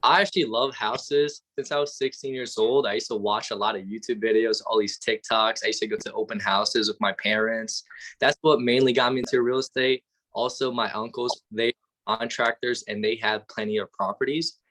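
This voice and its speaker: A man's voice: medium pitch, steady tone, a bit bright. A young man, eagerly answering interview questions as a guest over a video call. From Albania. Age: young adult. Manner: eager, enthusiastic, talks quickly in short bursts. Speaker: guest, real estate student.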